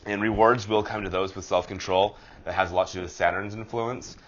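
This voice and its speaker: A man's voice: fairly low pitch, fairly even intonation, brisk, a bit bright, muffled recording, slight background noise. A man with a nasal voice hosting a casual horoscope vlog, chatty and rambling with a self-deprecating streak. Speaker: astrology vlogger.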